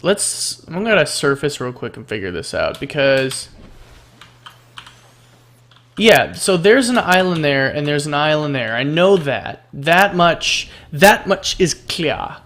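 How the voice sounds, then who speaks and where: A man's voice: on the high side, big pitch swings, a little slow, fairly bright tone. A man giving rambling, sarcastic let's play commentary while playing a game at his desk mic. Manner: rambling and sarcastic, full of fillers. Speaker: gaming video creator.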